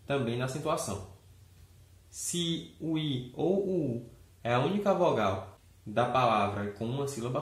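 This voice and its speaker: A man gives a grammar lesson on video in a chatty, upbeat voice of ordinary pitch. He keeps checking in with his viewers as he explains. The sound carries a noticeable room echo. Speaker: Portuguese teacher. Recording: echoey room.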